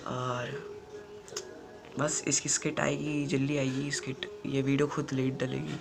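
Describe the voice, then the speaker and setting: A man's voice: mid-range voice, little pitch movement, unhurried, creaky, music in the background. A teenage boy telling an unscripted school story for his vlog, rambling and repeating himself. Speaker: YouTuber.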